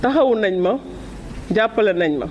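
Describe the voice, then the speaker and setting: A Senegalese woman giving an emotional farewell speech, halting and repeating words, crying with joy. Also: mid-range voice, lively intonation, darkish tone, slight background noise. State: tearful with joy, happy crying. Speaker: departing cultural centre director.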